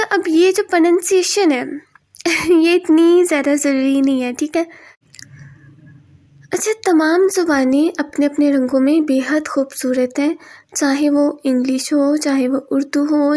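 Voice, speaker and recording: A woman's voice: high-pitched, darkish tone. A middle-aged Pakistani woman with a Pakistani accent and Urdu as her first language, teaching a spoken English lesson at a board. She explains step by step, mixing in English terms and often checking in with "ठीक है".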